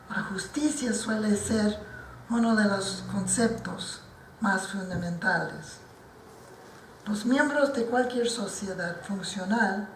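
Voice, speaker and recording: An older non-native speaker, whose first language isn't Spanish, delivers formal remarks presenting a book. Her mid-range voice comes slowly and deliberately, often restarting words, picked up from afar in a reverberant institute lecture hall with slight background noise.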